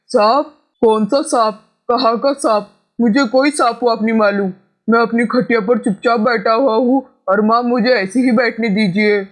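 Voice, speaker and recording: Guy playing a lazy scaredy-cat village son in a doll story, high whiny voice, complains a lot. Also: fairly bright tone.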